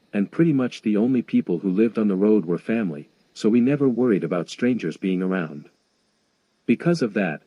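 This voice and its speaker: Male horror narrator, low and mellow, steady measured read, dry close sound. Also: no echo, lo-fi sound. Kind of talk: scripted narration of a first-person scary story.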